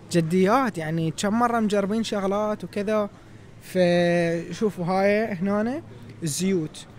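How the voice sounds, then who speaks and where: A young Iraqi man in his twenties talks quickly through a casual vlog walk-through, his voice sitting high. His tour-guide chatter is lively and conversational. He speaks inside a large supermarket into a handheld phone. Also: a little hiss or hum. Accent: Iraqi Arabic. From Iraq. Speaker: vlogger.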